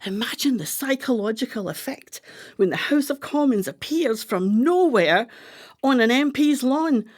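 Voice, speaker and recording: In a radio play, a woman voices an imperious, scheming retired wife with an artistic bent, delivering lines dramatically and emphatically. Her voice is a little high with lively intonation and a slightly slow pace, and she sounds excited and conspiratorial.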